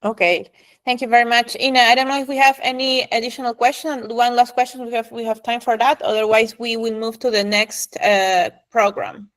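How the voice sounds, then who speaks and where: Higher-voiced woman moderating an online talk. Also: steady tone, fairly quick, fairly bright tone. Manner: polite, informal, with laughs and restarts. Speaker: webinar moderator.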